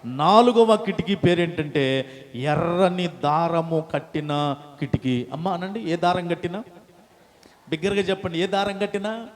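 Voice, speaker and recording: A man's voice: high-pitched, measured pace, big-room sound. A male pastor preaching a call-and-response sermon, rousing the congregation to repeat after him.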